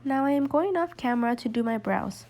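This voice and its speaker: A young woman narrates a makeup tutorial voice-over while sick, her voice slightly off from a cold. She sounds high, animated and a little mellow, talking fairly quickly. Music plays in the background.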